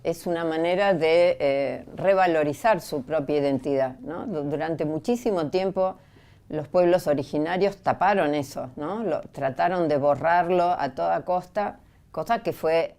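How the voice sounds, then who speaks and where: A woman on a discussion panel explains her view thoughtfully. Her voice is low and mellow. She often asks rhetorical questions to check that listeners follow. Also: unhurried. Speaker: panel guest.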